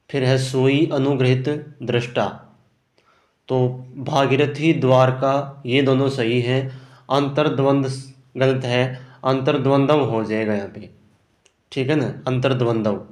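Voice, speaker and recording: A man teaching Hindi grammar for an exam, working through answer options and often checking "ठीक है ना". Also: medium pitch. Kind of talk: exam prep lesson. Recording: roomy echo.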